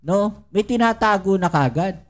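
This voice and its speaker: A woman's voice: mid-range voice, lively intonation, moderate pace, noisy background. A woman giving casual political commentary to her viewers, full of rhetorical questions and tag questions. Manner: addresses viewers directly and often.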